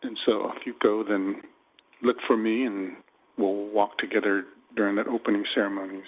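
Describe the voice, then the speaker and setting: A man's voice: on the low side, flat delivery, normal speed. A man speaking as a council member, friendly and inviting. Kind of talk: council meeting remarks. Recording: tinny phone-like broadcast audio.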